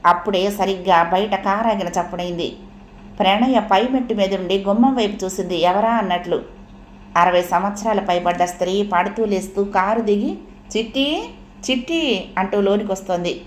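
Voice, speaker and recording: A woman narrating a serialized story aloud at a steady pace. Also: medium pitch, moderate pace, slight background noise. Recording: echoey room.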